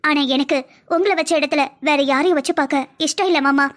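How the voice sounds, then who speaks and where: A woman's voice: high-pitched, brisk, natural voice. A woman playing a lovesick, pleading young woman. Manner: pleading, emotional. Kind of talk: cartoon voice acting.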